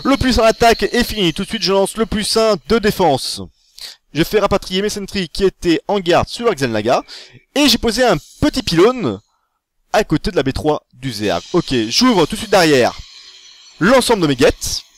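A man giving a casual tutorial, commentating over his own game. He is chatty and excitable and corrects himself as he goes. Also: sits high, moderate pace, dry recording. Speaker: gaming tutorial host.

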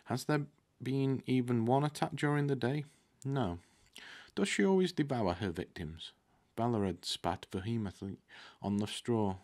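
Reading a fantasy novel a little slowly, a man in his thirties uses a medium-pitched, darkish voice and sometimes stumbles on a word before correcting it. He sits at a desk in an indoor room with curtains, with a desktop mic close in front of him.

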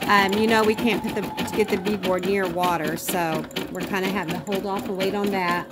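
A woman's voice: medium pitch, steady tone, fairly quick. A middle-aged woman chatting casually and folksily to viewers, with sewing machine noise behind her. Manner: informal, folksy, chatty, addresses viewers as "guys". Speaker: host of a home-building vlog. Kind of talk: casual vlog chat. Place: indoors beside a running sewing machine. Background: clicking sewing machine noise.

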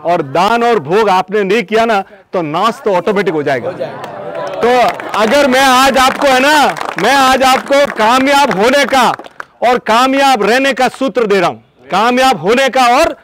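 Guy doing motivational storytelling, super high voice, folksy and chatty, keeps calling you boss. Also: unhurried. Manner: folksy, animated, addresses listeners as boss.

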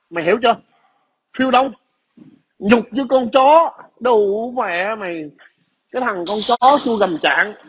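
A man's voice: high-pitched, fairly bright tone, a little hiss or hum. A man, ranting aggressively and profanely into a phone camera at his workplace. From Vietnam. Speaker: vlogger. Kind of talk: angry ranting video message.

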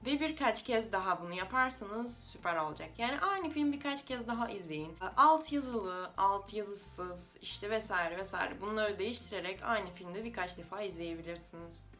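A woman's voice: medium pitch, moderate pace, few pauses, fairly bright tone, faint music behind. A native Russian woman with a Russian accent explains things informally to viewers in a foreigner's slightly unidiomatic Turkish. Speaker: language-learning video creator.

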